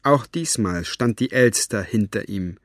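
A man narrating an audiobook in a measured, low-key reading. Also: lively intonation, no room sound, studio quality. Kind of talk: scripted narration.

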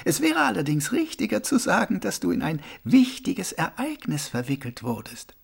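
A serene old monk who sweeps floors for pennies, as a male narrator puts him on, speaking in a raised, gravelly voice. He takes his time over every phrase, gently amused and reassuring. The voice swoops up and down with a husky edge. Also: high voice, huge pitch swings, pitched above the performer's own voice, heavily acted. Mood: calm, amused. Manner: slow, gently amused, soothing. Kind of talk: audiobook character voice.

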